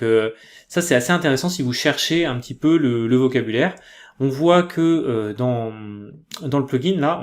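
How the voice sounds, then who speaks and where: A man with a French accent giving a casual software tutorial, chatty and loose, with many fillers and self-corrections. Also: medium pitch. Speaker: tutorial presenter.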